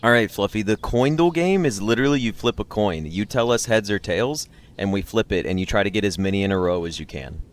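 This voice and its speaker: A man hosting a livestream chats casually with his viewers, rambling, joking and using slang. His voice is on the low side, expressive and brisk, with few pauses.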